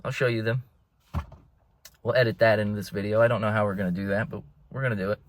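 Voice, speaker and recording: A man's voice: on the low side, steady tone, quick pace, slight background noise. A young man vlogging from inside a car, rambling in a laid-back way and calling his listeners bro. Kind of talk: casual rambling monologue.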